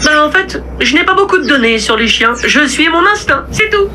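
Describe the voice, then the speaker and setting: A woman's voice: high-pitched, expressive, normal speed, slight background noise. A woman voicing a small, affectionate, child-like robot in a cartoon, sweet, innocent and coaxing. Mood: cheerful. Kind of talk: animated children's cartoon dialogue. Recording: loud music behind the voice.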